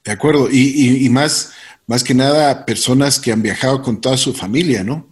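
Husky-voiced male interviewer. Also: medium pitch, moderate pace. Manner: brief affirmations, rambling questions. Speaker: interview host. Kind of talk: casual interview questions.

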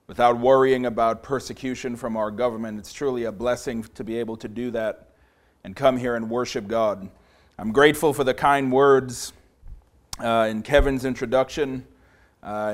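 A visiting preacher, a man in his forties from Trinidad, delivers a sermon in a small room with a big, passionate, medium-pitched voice. He pauses often and uses fillers as he builds up steam, growing louder as he preaches.

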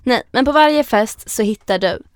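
A woman's voice: fairly high pitch, slight background noise. A young woman co-hosting a podcast, chatting casually and telling stories with lots of giggles. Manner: giggly, animated storytelling. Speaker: podcast co-host. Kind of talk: casual chat.

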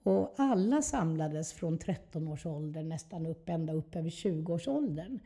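A woman's voice: sits low, animated, warm tone. A woman, telling her personal story candidly and reflectively as an interview guest. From southern Sweden.

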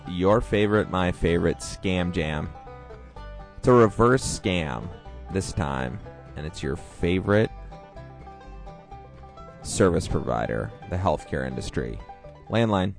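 A man's voice: sits low, big pitch swings, slow pace, long pauses. A man hosting a podcast, talking casually. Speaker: podcast host. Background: faint guitar music.

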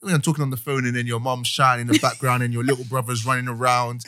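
A man's voice: medium pitch, little pitch movement, very fast, sharp tone, dry recording, studio quality. A man with a London accent and urban roadman slang, hosting a casual podcast debate in an insistent, repetitive way. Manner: insistent, repeats himself. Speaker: podcast host.

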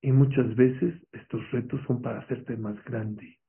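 A man delivers a motivational religious talk, pressing his listeners with rhetorical questions. His voice has a gravelly, rough edge. The sound is thin and narrow, like a phone line. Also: mid-range voice, steady tone, a little slow. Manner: emphatic, asks the audience rhetorical questions. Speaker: motivational speaker. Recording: tinny, phone-like lo-fi recording.

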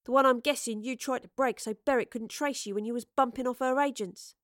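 A woman's voice: a little high, fairly even intonation, brisk, no room sound, studio quality, pitched above the performer's own voice, natural voice. A woman doing a chirpy Cockney young woman. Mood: smug. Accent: London Cockney. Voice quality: bright, chirpy, slangy.

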